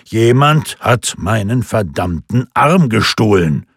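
A man voicing a gruff, bitter man in a rural bar, speaking curtly and bristling, with a husky low voice. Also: moderate pace, no room sound, clean studio sound, full character voice. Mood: angry. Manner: curt and bristling.

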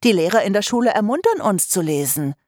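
A woman's voice: mid-range voice, big pitch swings, fast talker, a little mellow, no echo, clean studio sound, voice pushed up, natural voice. A woman voicing a bookish young girl who pleads earnestly in an audiobook. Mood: pleading. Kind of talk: audiobook character voice.

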